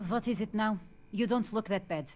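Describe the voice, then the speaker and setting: A woman's voice: medium pitch, normal speed, a little mellow, a little hiss or hum, close to an everyday voice. An actress playing a curt, clinical female doctor in a sci-fi video game.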